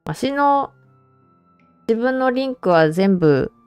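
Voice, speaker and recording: A woman's voice: a little high, expressive, slow, darkish tone, clear, resonant tone, no echo, soft background music. A woman streamer chatting casually and informally to viewers on a livestream.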